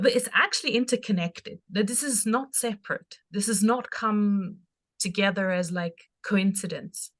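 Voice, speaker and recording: A woman from Austria with an Austrian accent, a podcast guest telling her story in an animated, chatty way with frequent laughs. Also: fairly low pitch. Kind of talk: casual interview chat.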